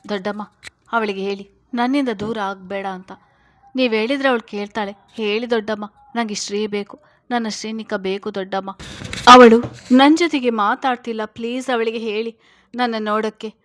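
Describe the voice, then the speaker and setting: A desperate young husband begs his wife to come back to him in soft, low-voiced pleas, read out by a woman narrator. He sounds quiet and close, his words heavy with grief. Storybook reading, medium pitch. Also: level tone, normal speed, close to an everyday voice. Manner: soft pleading speech, begging.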